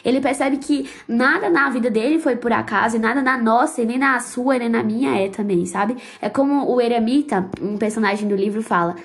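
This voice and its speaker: A woman's voice: a little high, brisk, few pauses. A woman hosting a podcast, talking about a book in a heartfelt, fervent, casual way with religious exclamations. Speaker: podcast host. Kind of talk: emotional casual book commentary.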